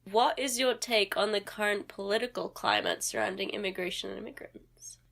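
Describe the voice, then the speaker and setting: A woman's voice: medium pitch, very animated, normal speed, creaky, fairly bright tone. A woman hosting an interview, giving introductions and putting questions to a guest. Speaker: interviewer and host.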